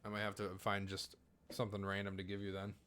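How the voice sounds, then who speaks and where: A man's voice: on the low side, monotone, fast, fairly bright tone. A man streaming a video game, chatting casually and rambling, often correcting himself mid-sentence. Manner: rambling, self-correcting, laid-back. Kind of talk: casual live-stream chat while trading in a game.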